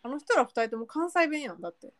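高めの声の関西弁の女性. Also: female voice, high-pitched, fast talker, no room sound. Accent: Kansai Japanese. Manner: laughs often, relaxed Kansai banter. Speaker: podcast co-host. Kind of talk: casual chat.

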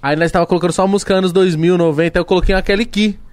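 Man co-host, fast, slangy joker; dry close sound. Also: high voice, steady tone, clear, resonant tone, dry recording. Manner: joking, slangy storyteller. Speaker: podcast co-host. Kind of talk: casual chat.

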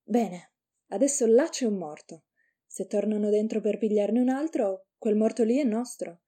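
A woman's voice: medium pitch, normal speed, dark tone, natural voice. A woman voicing a brash, cocky young man who leads his friend, in a read-aloud story. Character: rough young man, cocky, bold ringleader.

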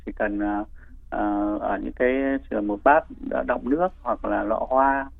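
A man giving hesitant explanations as a doctor being interviewed, pausing and repeating himself. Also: mid-range voice, creaky, phone-quality sound. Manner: hesitant, with frequent pauses and repeats. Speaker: doctor, infectious disease specialist guest.

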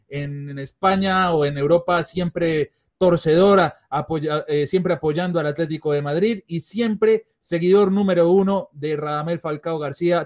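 A man's voice: a little high, a little mellow. Chatty Colombian-born sports journalist, man. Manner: enthusiastic, rambling with fillers. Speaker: podcast guest, sports journalist. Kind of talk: casual podcast chat.

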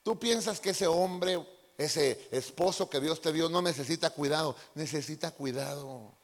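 Pastor que predica animado e interpela al público, sala de iglesia reverberante. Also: male voice, fairly high pitch, measured pace. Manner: playful, addresses the congregation directly. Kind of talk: lively sermon with acted-out impressions. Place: church hall.

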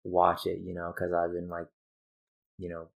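Low, gravelly, hesitant man. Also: completely flat delivery, moderate pace, phone-quality sound. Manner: hesitant, rambling, full of fillers. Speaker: improv player. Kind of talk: improvised comedy role-play.

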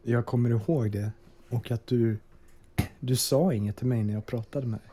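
Male podcast host, very dark and husky, pompous mock-solemn delivery, video-call sound. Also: mid-range voice, fairly even intonation. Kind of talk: mock-dramatic reading, then casual chat.

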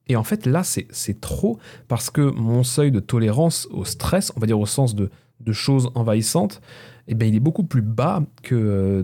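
A man in his thirties talks through a casual solo podcast, drifting from point to point and poking fun at himself, with plenty of hesitations. His tone is mellow and warm, at a middle pitch for a man. He sits right up close to a microphone fitted with a pop filter. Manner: rambling and self-mocking, with many fillers. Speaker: podcast host.

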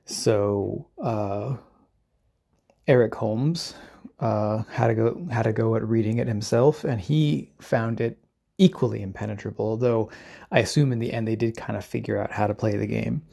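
Male podcast host, gravelly voice, mellow tone, informal explanatory talk, discursive. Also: on the low side, moderate pace.

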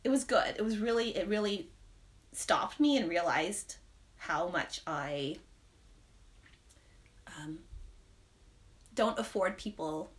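A woman's voice: fairly low pitch, expressive, slow, pauses often. A woman in her thirties, a podcast co-host, talking through personal reflections on faith in a rambling, candid way, laughing often. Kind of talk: casual faith chat.

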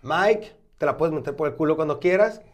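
A man's voice: a little high, fairly quick. A man with a Mexican accent hosting a casual podcast chat over a beer tasting, joking crudely and swearing often. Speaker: podcast host.

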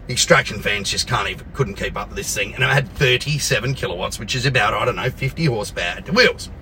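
Aussie bloke spinning a sweary sarcastic yarn, forceful bright voice, vehicle noise behind him. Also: male voice, fairly low pitch, expressive, quick pace, low-quality recording. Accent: Australian. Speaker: car workshop owner and storyteller. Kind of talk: casual anecdote with acted-out dialogue.

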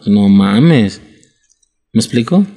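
A young adult man with a Mexican Spanish accent, chatting about a TV drama in a relaxed, slangy way as a podcast co-host. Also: lowish voice, slow pace. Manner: relaxed, slangy, laughs along. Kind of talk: casual chat recapping a drama.

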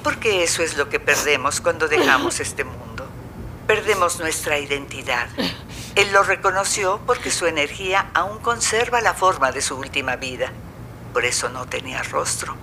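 Sex: woman. Figure: a woman playing a calm, reassuring spiritual friend. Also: deep voice, moderate pace, slight background noise, exaggerated voice. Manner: gentle, reassuring, explains calmly.

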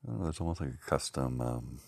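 A man musing slowly and haltingly, searching for words with many pauses and fillers. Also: very deep voice, lively intonation, gravelly, darkish tone, no echo. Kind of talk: rambling reflective talk.

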